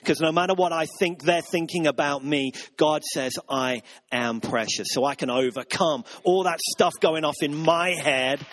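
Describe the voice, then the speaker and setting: A man's voice: on the high side, moderate pace, hardly any pauses, a bit bright. A man, a pastor, giving a conversational sermon with earnest, self-mocking humor.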